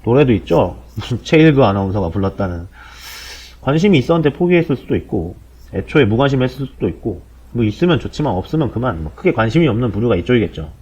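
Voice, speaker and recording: A man in his forties talks through the topic like a podcast host, blunt and sardonic, his pitch rising and falling a lot as he rattles along quickly. The sound is a dull, low-bitrate recording. His tone is casual and slangy throughout. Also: very animated, a little mellow, slightly rough. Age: 40s. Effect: low-quality compressed audio. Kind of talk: casual explanatory monologue.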